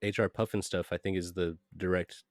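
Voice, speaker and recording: A man co-hosting a podcast in a casual chat, jokey and quick to riff on silly ideas. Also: low-pitched, level tone, no echo, studio quality. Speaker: podcast co-host.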